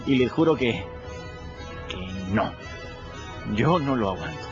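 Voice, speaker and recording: In a muffled radio play with music, a man with a medium-pitched, lively voice speaks slowly. He's an actor playing a plain-spoken, restless teenage runaway who tells his own story in a casual, folksy way.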